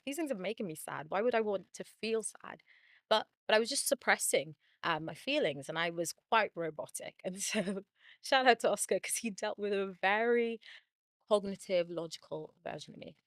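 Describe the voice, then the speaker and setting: A chatty young woman therapist talks to camera at an everyday pitch, quick and loose, laughing between thoughts. The sound is close and completely dry, with no room around her. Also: dry recording. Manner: chatty, quick, laughs often, uses like a lot. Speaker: therapist and channel host. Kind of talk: casual talk to camera.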